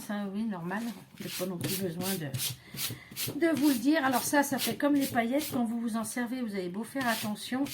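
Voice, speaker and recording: Crafting host, woman, slow and chatty, hesitant asides, a touch higher than average. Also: noisy background. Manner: chatty, hesitant, with many fillers and self-talk. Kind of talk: casual crafting demonstration.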